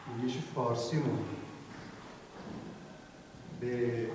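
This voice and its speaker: A male teacher of Quran recitation giving a classroom lesson, explaining patiently and demonstrating sounds by drawing out vowels. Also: mid-range voice. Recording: echoey room, far from the mic, noisy.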